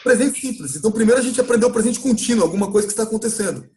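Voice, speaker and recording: A Brazilian man with a notably high-pitched voice leads a live English lesson. He explains patiently and drags out words slowly so that listeners can copy the pronunciation. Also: expressive, dark tone, soft background music. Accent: Brazilian Portuguese. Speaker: English teacher. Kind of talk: live online class recap.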